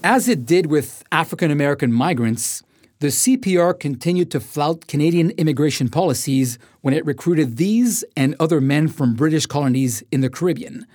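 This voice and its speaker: A man narrating a history documentary in a measured, formal scripted delivery. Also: on the high side, animated, darkish tone, no room sound, studio quality.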